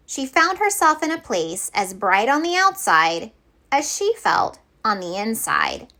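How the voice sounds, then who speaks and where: With a fairly high-pitched voice, a woman acts as storyteller, reading a picture book aloud for young listeners. Her phrasing is deliberate and expressive.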